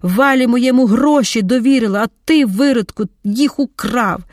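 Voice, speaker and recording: A woman's voice: mid-range voice, moderate pace, no room sound, clean studio sound, natural voice. A woman doing a screaming, vengeful young mistress. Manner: screaming, spitting insults.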